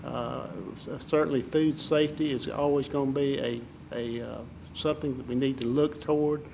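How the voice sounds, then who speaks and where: An older man from southern Alabama with a Southern Alabama accent, giving folksy, halting interview answers as a political candidate. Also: medium pitch, fairly even intonation, vocal fry, darkish tone, a little hiss or hum, rough recording.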